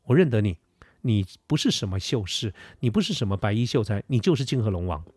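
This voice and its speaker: Man doing an aged fortune-teller, calm and cold, measured warning, very dry close sound, storytelling podcast. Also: fairly low pitch, slightly rough, no echo. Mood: coldly warning. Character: calm old male fortune-teller, coldly knowing. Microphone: close studio microphone.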